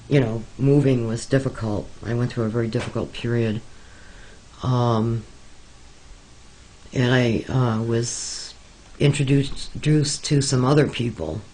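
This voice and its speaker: A man recounting personal experiences in an interview, hesitant and earnest, with many pauses and fillers. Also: mid-range voice, dark tone, poor audio. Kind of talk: slow, halting personal account.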